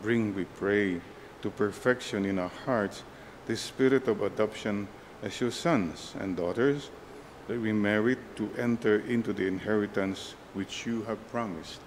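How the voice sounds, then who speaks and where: A priest speaks into a pulpit microphone in a slow, deliberate voice. His pitch sits a little low, with a faint hum behind him. He prays in a solemn, measured cadence. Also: rough recording. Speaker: priest presiding at Mass. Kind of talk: leading liturgical prayer and exhortation.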